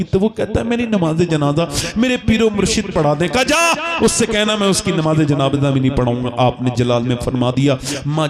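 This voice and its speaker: A man giving an emotional religious sermon to a live gathering, telling stories with passion that rises to shouted peaks. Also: mid-range voice. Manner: impassioned storytelling, rising to shouted climaxes. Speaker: preacher. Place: gathering before a live audience.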